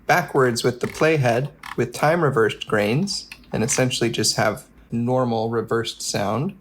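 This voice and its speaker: Speaking at a measured pace in a mid-range voice, a product demonstrator reads through a scripted technical tutorial, laying things out in a methodical, explanatory way.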